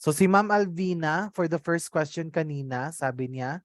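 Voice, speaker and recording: A Filipino online trainer with a mid-pitched voice teaches in a mix of Tagalog and English. The native Tagalog speaker switches language mid-sentence and keeps adding little check-in tags. The sound is close and dry, with very little room. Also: normal speed, no echo. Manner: frequent tag questions checking on listeners. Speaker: trainer leading an online customer service course. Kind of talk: interactive online lesson.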